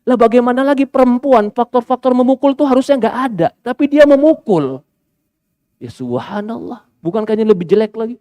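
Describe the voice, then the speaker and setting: A male Islamic preacher giving a sermon, asking rhetorical questions and moving between emphatic peaks and quiet asides. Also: extremely high pitch, animated, fairly quick, no room sound.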